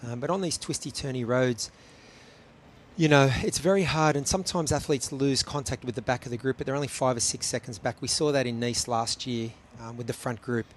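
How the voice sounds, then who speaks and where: A man's voice: mid-range voice, fairly even intonation, fairly quick, a little hiss or hum. A man giving live race commentary, analytical and chatty, with frequent ums between points.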